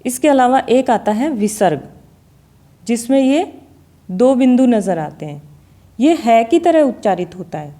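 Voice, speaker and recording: Slow, deliberate Hindi grammar teacher woman. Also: a little high, animated, mellow. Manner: slow, deliberate, repeats example words to demonstrate sounds. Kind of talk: classroom lesson on pronunciation.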